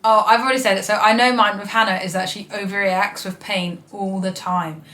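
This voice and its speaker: A woman in her twenties chatting candidly in a couple Q&A, giggly and animated when telling stories. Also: medium pitch, fairly quick. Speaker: vlogger in a couple Q&A. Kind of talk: casual chat. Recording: echoey room.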